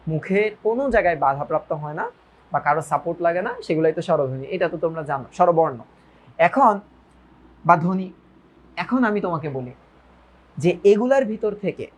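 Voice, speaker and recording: A male tutor teaches a grammar lesson to his students. He often repeats his phrases and puts questions to his listeners. English words slip into his talk. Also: fairly high pitch. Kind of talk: online lecture.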